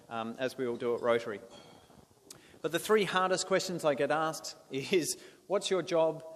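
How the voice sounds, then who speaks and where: A man's voice: on the high side, a bit bright. An Australian man from South Australia in his thirties, giving an earnest talk to a club with frequent restarts and fillers. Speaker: guest speaker. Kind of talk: presentation to a club. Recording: echoey hall with faint noise.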